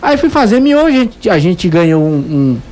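Animated Northeastern Brazilian man bantering casually. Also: high-pitched, normal speed. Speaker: panelist on a talk show.

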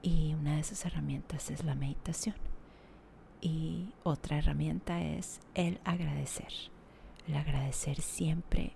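A woman guiding a meditation in a soft, half-whispered, slow and soothing way. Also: low voice, steady tone, vocal fry, a little hiss or hum. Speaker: meditation guide. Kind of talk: guided meditation. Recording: music playing behind.

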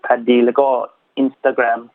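A man with an English-speaking foreigner's accent, answering interview questions politely in halting, broken learner's Thai with English words mixed in. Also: mid-range voice, flat delivery, soft background music. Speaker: interview guest, YouTuber. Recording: thin narrowband phone or radio line.

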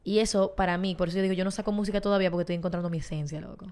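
A woman's voice: fairly low pitch, steady tone, rapid-fire, a little mellow. A woman in her twenties with a Dominican accent, a podcast guest explaining things in a chatty, casual way. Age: 20s. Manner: chatty and explanatory, laughs often. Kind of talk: casual chat.

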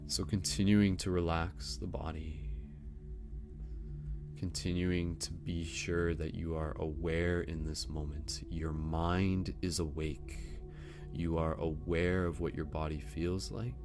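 A man narrating a guided sleep meditation like a sleep story narrator, soothing and gentle, with unhurried pauses. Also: deep voice, level tone. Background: prominent music.

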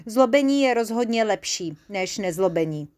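A woman's voice: mid-range voice, animated, darkish tone, lightly acted. A woman voicing an earnest little male creature in a children's storybook.

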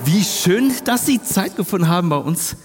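A brash male show host, played by a man on a comedy stage, booming out his patter in a high voice that leaps up and down. The voice rings through a long hall reverb, with faint music behind it. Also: lively intonation, moderate pace. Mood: hyped. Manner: showy, booming showman patter.

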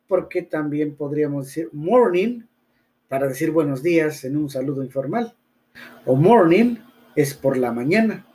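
A man's voice: a little high, darkish tone. A man whose first language is Spanish, teaching a bilingual English lesson, drilling phrases patiently and spelling words letter by letter.

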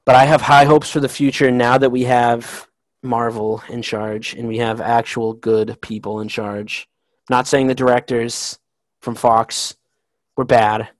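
On a podcast, a male co-host chats casually as an eager fan, rambling excitably through explanations and often restarting his sentences, though at an unhurried pace. His voice is mid-pitched. The rough recording is dry and close, with no echo or room sound.

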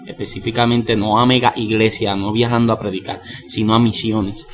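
A man hosting a podcast, asking eager, quick follow-up questions in a casual way. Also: fairly low pitch, flat delivery. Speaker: podcast host.

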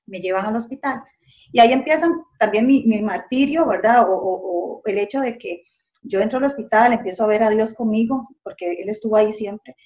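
A woman's voice: on the high side, fairly quick, darkish tone. A middle-aged woman telling her story earnestly, often ending phrases with a tag question. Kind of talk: personal testimony. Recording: dull lo-fi sound.

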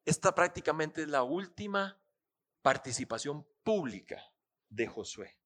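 Higher-voiced preacher man. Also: unhurried. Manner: animated preaching, acts out dialogues, asks listeners questions. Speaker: pastor. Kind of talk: sermon.

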